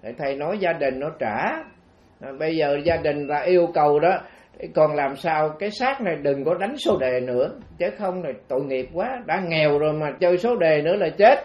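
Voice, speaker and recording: A man's voice: a little high, animated, fairly quick. A man with a Southern Vietnamese accent, a Buddhist monk telling a story in a dharma talk, chatty and full of fillers, on a dull lo-fi recording. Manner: chatty, meandering, frequent fillers.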